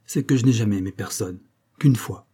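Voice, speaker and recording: A man reading the part of a self-assured young woman, with a brisk, lightly mocking delivery. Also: lowish voice, warm tone, husky. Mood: teasing.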